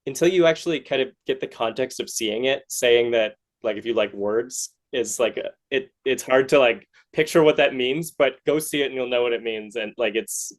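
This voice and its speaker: A man with a medium-pitched voice hosts a casual podcast interview, speaking at normal speed with few pauses. His manner is hesitant and rambling but encouraging.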